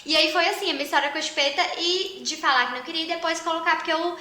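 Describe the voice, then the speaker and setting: A woman's voice: very high-pitched, very fast, sharp tone. A woman hosting a casual conversation, chatty, with empathetic interjections. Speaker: host. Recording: echoey room.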